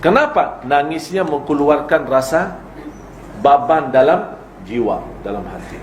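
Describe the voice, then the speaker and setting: A man's voice: a little high, expressive, measured pace, background noise. Man preaching in an echoey hall. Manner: explains with rhetorical questions and acted examples. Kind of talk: religious lecture on parenting. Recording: echoey room with faint ambience.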